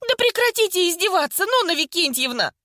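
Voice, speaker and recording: A woman's voice: sits high, expressive, moderate pace, a bit bright, no room sound, studio quality, pitched above the performer's own voice. A woman doing a tearful young woman, pleading. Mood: upset, crying out.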